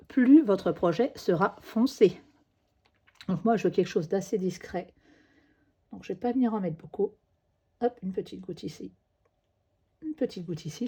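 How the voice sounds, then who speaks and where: This crafting demonstrator has a cold and coughs from time to time, chatting through her tutorial with fillers such as "hop" and "euh." Her mid-range voice is warm, with a little background noise behind it.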